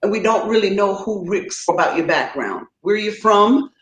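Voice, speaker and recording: A woman's voice: mid-range voice, expressive, normal speed, echoey room, muffled recording. A woman hosting an interview, asking chatty, encouraging questions. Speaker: talk show host.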